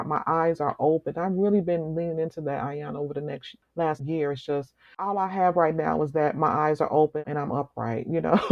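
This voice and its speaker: A woman guest speaking slowly and earnestly in a reflective, meditative conversation. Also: low voice, no echo. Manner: slow, meditative, earnest with soft laughs. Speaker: author guest. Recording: slightly muffled lo-fi recording.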